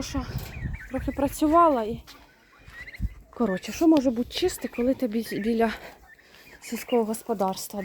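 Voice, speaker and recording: A woman chatting casually in a farm vlog, explaining as she works and coaxing her animals. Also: on the high side. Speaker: homestead vlogger. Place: outdoor farmyard with poultry. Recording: loud farmyard noise, birds clucking. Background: loud clucking poultry.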